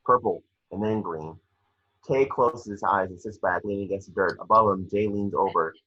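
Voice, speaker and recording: Reading the action descriptions for an amateur table read, this man delivers scripted scene narration in a lowish, bright voice. His tone is forceful with a breathy edge, and his pace is moderate. A lo-fi mic makes the recording sound dull.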